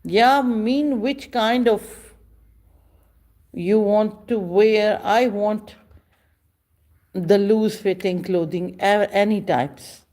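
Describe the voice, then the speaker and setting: A woman, chatting casually with viewers on a livestream in slow, halting speech with many pauses. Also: mid-range voice, dark tone. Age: 50s. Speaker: livestream host. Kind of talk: casual live chat with viewers.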